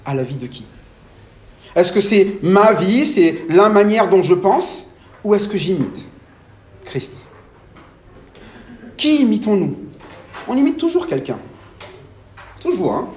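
Animated French preacher in an echoey room. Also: male voice, high-pitched, slow pace, long pauses. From France. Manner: animated, asks the congregation questions. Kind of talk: sermon.

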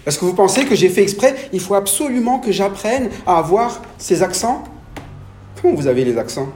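Male preacher, French accent, lively pitch, sermon delivery with questions to the listeners, reverberant hall. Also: brisk, a little hiss or hum. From France. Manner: animated, asks the congregation questions.

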